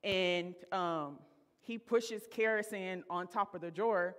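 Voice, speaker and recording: A woman in her thirties with a lowish voice speaks slowly as she preaches from a church stage, sharing a personal story in a chatty, laughing way and addressing the congregation as y'all. The sanctuary is reverberant.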